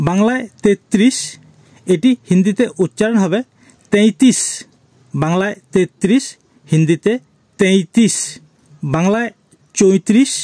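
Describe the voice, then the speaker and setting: High-voiced man teaching numbers slowly. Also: mellow, no echo. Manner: repeats each word slowly, spells out letters. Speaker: Hindi language teacher. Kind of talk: slow spoken language lesson.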